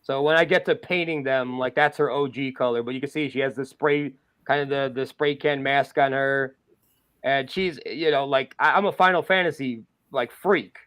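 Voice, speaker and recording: A man chatting casually as a podcast guest, talking excitedly with lots of fillers about his art. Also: mid-range voice, normal speed, smooth. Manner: excited, rambling, many fillers. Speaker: guest artist.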